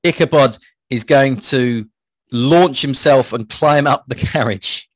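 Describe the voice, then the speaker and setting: A man's voice: medium pitch, slow pace. A man playing a tabletop game, playful and jokey, describing his characters' actions. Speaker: player.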